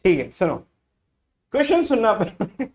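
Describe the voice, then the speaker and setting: During a math lecture, a man whose voice sits high and swoops wildly in pitch keeps shushing the class and asking them to listen. He speaks at a moderate pace, mixing Hindi and English mid-lesson in a casual, teasing manner.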